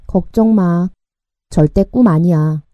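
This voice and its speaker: A woman voicing a blunt, matter-of-fact teenage boy in a storybook, delivering his lines flatly. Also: fairly high pitch, normal speed, no echo, muffled recording, close to an everyday voice. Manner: flat, dry line delivery.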